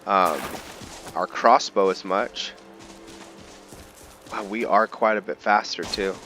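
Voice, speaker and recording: Here a gamer talks through his own playthrough in relaxed, offhand commentary, thinking out loud as he plays. His pitch is fairly low, his pace slow and his tone sharp, with faint music and faint background noise behind him.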